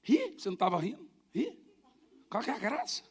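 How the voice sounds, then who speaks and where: A man's voice: very high-pitched, brisk, breathy edge. A man with a Brazilian Portuguese accent, a pastor preaching in church and telling stories, acting out scenes with sound effects. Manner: animated storyteller, acts out scenes with sound effects. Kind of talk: sermon with personal anecdotes.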